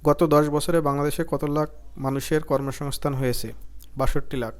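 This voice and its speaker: A man from Bangladesh reading out job exam quiz questions, each followed by its answer in a lower, softer voice. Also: fairly even intonation, normal speed.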